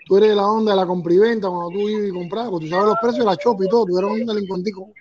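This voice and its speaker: A man's voice: sits high, fairly even intonation, very fast, a little mellow, dull audio. A Cuban man chatting casually as a guest, insistent and repeating himself. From Cuba. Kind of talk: casual chat.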